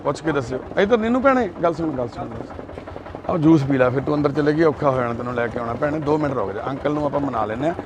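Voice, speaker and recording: A man's voice: mid-range voice, very fast, noisy background. A man reporting in the street, coaxing the people he talks to and then speaking earnestly to the camera. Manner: coaxing and pleading, then earnest social commentary. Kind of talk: street interview and commentary to camera.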